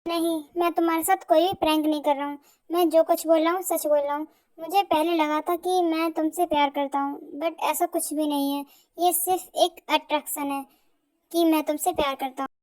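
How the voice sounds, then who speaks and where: A woman's voice: high voice, steady tone, normal speed, a little mellow, lightly acted. A woman voicing a secretive young husband who talks hesitantly and then firmly, in an amateur fan audio drama. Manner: hesitant, evasive, then firm.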